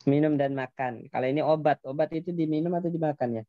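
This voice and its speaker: A man's voice: on the high side, quick pace, no room sound, phone-quality sound. A man teaching an Arabic grammar class, patiently explaining step by step and quizzing his students.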